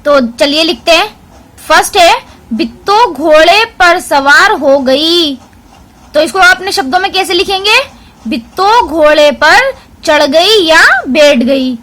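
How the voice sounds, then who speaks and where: Female schoolteacher from India, online class, slow and deliberate, clear and instructive, bright tone. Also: very high-pitched, animated. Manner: clear, instructive, addresses children directly. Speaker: primary school teacher. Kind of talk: online class lesson, explaining a textbook.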